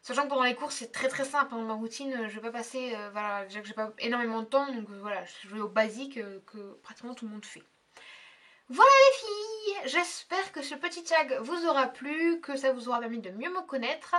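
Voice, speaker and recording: Young female beauty vlogger, high bright voice, chatty and hesitant. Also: fast, few pauses, recorded from a distance. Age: young adult. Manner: chatty, hesitant, many fillers. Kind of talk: casual tag video chat.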